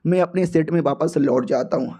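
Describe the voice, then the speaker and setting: A man's voice: on the high side, fairly quick, warm tone, husky. A man voicing a cocky young male hero who talks in slangy, teasing jabs.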